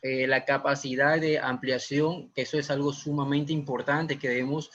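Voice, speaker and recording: A man's voice: mid-range voice, level tone, moderate pace, fairly bright tone. A young man from Ecuador with a Guayaquil accent, giving a live webinar lesson and explaining step by step with frequent "eh" fillers. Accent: Ecuadorian Spanish, Guayaquil. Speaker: automation instructor. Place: small room indoors. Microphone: webcam or laptop mic on video call. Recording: muffled video-call audio.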